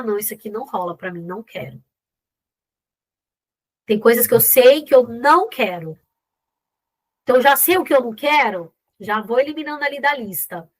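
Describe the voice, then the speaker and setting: Brazilian female teacher with a slightly high voice, informal and encouraging, addressing the class directly. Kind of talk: informal spoken lesson.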